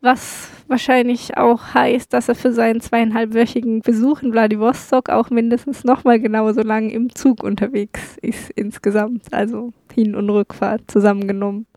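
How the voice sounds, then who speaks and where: A woman telling a travel story as a vlogger, relaxed, with dry humor. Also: fairly high pitch, normal speed, hardly any pauses, no echo.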